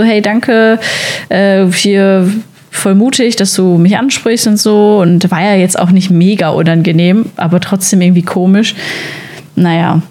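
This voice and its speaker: A young woman from the Sauerland co-hosting a podcast, telling a story in casual chat with many fillers and quick laughs. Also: mid-range voice, darkish tone. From Sauerland, Germany. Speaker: podcast co-host.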